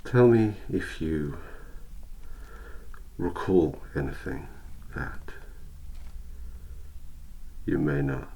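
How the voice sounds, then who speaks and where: Casting: male actor as patient, menacing elf interrogator, ASMR role-play, rock-bottom pitch, soft and unhurried, coaxing delivery. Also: expressive, full character voice. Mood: calm, coaxing. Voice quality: soft-spoken, breathy half-soft voice. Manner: slow, deliberate, hypnotic, coaxing elf interrogator. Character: cold, patient male elf inquisitor interrogating a human prisoner.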